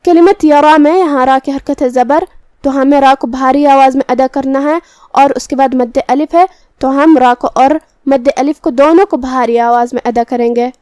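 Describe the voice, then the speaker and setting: A woman's voice: sits high, steady tone, darkish tone, dry recording. A woman teaching a Quran recitation lesson, patiently explaining each pronunciation rule step by step.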